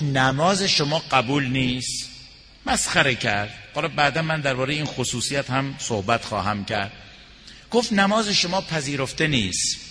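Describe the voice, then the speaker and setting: A man giving a religious sermon, moving from soft mournful recitation to raised, emphatic preaching. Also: medium pitch, long reverb tail, a little hiss or hum.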